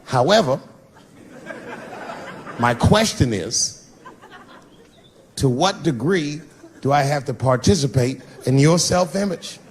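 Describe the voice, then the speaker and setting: A man's voice: on the high side, expressive, takes it slowly, pauses often. Stand-up comic man telling a story. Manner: storytelling, acts out quoted voices. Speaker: stand-up comedian. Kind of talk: stand-up comedy set. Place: live venue with laughing audience. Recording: live show, faint background noise, laughter. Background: audience laughter.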